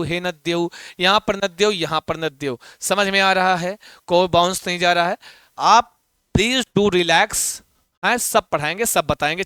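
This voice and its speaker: A male teacher, his voice high and bright, chanting word forms in a rhythmic rote cadence for his class. The sound is smooth and close, with almost no room around it. He stops often to reassure his students. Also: no echo. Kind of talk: live online exam-prep class, chanting declensions.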